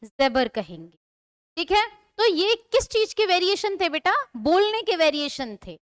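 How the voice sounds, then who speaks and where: A woman's voice: very high-pitched, sing-song, a little slow, no room sound, clean studio sound. A woman teaching English vocabulary in a classroom-style lesson, explaining patiently, repeating words and asking her students questions.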